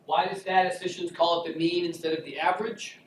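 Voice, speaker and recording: A statistics instructor with a high, steady voice lectures briskly in a casual, joking style, chatting and quizzing his class. The echoey classroom was recorded from afar on a distant mic, with a little hiss or hum.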